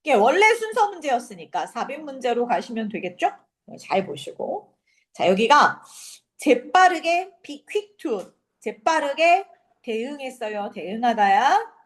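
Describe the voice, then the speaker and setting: A woman lectures on an English exam passage in a brisk, casual classroom manner. Her voice sits a little high and swings widely as she fires rhetorical questions and acts out quick asides. She sounds like a young adult teacher talking straight to her students. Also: big pitch swings.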